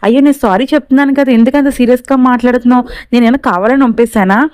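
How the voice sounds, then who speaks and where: A woman's voice: on the high side, fairly even intonation, very fast, darkish tone, clean tone, dry recording, natural voice. A woman voicing a cold, dismissive young woman with a sarcastic, lecturing manner. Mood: scornful.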